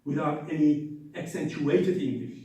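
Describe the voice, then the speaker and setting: A man's voice: on the high side, unhurried, mellow. Man lecturing in an echoey hall. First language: Turkish. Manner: emphatic, repeats words, sounds out examples. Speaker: conference presenter. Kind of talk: academic conference lecture. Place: conference hall. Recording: echoey hall, distant mic.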